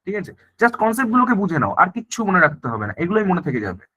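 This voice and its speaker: A male teacher gives an online exam-prep lecture at a brisk clip. His voice sits high and bright. He keeps checking in with the class as he explains. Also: big pitch swings. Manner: explains in mixed Bengali and English, repeats "thik ache" often.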